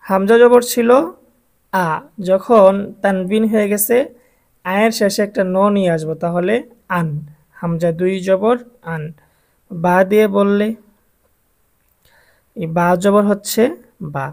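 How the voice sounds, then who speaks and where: A man's voice: high-pitched, fairly even intonation, unhurried, pauses often, a little mellow. A man with a Bangladeshi Bengali accent teaching Quran reading to adult beginners, drilling letter sounds patiently one by one. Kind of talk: slow, patient recitation lesson for adult beginners.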